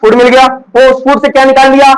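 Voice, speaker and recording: Guy teacher with a really high voice, asks a question then answers it himself, keeps checking "got it?". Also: level tone, quick pace, clear, resonant tone, low-quality recording. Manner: keeps checking understanding with "ठीक है? है ना?"; repeats key words for emphasis. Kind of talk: classroom lecture.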